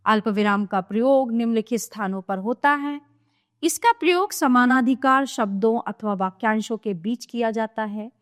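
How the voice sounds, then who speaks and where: A woman teacher giving a scripted grammar lesson to children, explaining clearly and steadily. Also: fairly high pitch, moderate pace.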